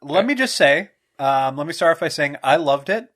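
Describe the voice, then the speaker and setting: A woman's voice: deep voice, lively intonation, moderate pace. A woman co-hosting a casual podcast, getting over a cold, trading wry, easygoing banter. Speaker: podcast co-host. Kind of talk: casual chat.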